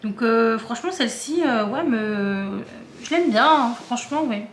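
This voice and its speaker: A woman's voice: a little high, lively intonation, measured pace, roomy sound, a little hiss or hum. A woman with a regional French accent, chatting casually to her viewers about diamond painting kits, often hesitating with fillers and restarts.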